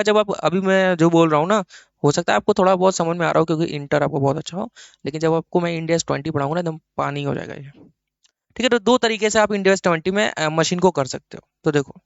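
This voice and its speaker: A man's voice: a little high, no room sound, dull audio. A male accounting teacher with an Indian accent, lecturing and answering his own questions while mixing English terms into Hindi. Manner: explains by asking himself questions and answering. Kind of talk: classroom lecture.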